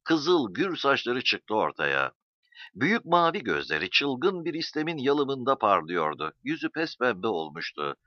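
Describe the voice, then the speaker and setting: Expressive male story narrator. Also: medium pitch, unhurried, no echo. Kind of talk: audiobook narration. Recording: dull dry recording.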